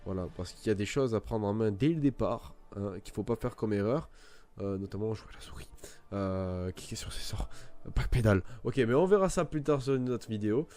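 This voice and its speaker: Rambling man with a mellow voice. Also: fairly low pitch, animated, brisk. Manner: rambling, many fillers and restarts. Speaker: gaming video creator. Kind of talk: casual gameplay tutorial commentary.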